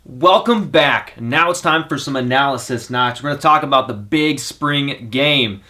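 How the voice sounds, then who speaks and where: Bright-voiced upbeat podcast host, a man. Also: mid-range voice, moderate pace. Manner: upbeat, teasing. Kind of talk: casual chat.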